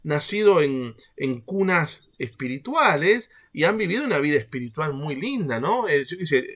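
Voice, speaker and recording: Lively man leading a faith workshop. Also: on the high side, normal speed. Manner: animated, keeps checking in with the group through rhetorical questions. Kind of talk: teaching a catechesis workshop.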